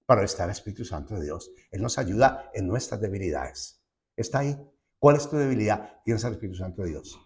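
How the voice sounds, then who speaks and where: A middle-aged male pastor preaching a sermon, switching between loud, slow declarations and quiet asides, often calling listeners brother. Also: fairly low pitch, expressive. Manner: calls the congregation brother.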